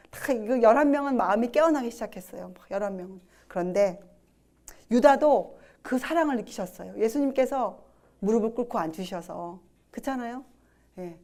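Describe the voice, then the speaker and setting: A woman's voice: mid-range voice, mellow. A woman preaching a sermon, asking the listeners questions and acting out the disciples' words.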